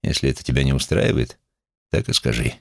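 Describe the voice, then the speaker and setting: A man voicing a calm, steady young male cowboy who speaks in a level, firm way. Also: very deep voice, brisk, creaky, no echo, studio quality, exaggerated voice.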